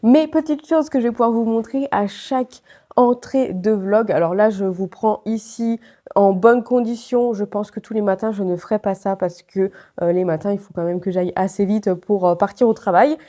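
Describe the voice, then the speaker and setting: Here a woman with a cold vlogs to the camera in a relaxed, chatty way, her nasal, congested voice medium in pitch and dark in tone at a normal pace. Fillers and restarts come up often.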